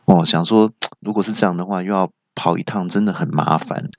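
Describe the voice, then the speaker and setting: A young man with a Taiwanese Mandarin accent tells comic stories about himself in an animated way. His natural voice sits fairly low, and he often jumps up high to play the people in his stories. The recording is muffled, dry and lo-fi. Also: a little fast, no echo. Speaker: talk show host. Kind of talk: solo stand-up storytelling.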